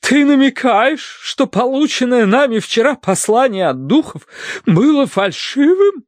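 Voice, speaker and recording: A man voicing a hysterical, fussy older Victorian lady with a high, wailing voice in an audiobook. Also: sing-song, measured pace, no echo. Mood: wailing, melodramatic.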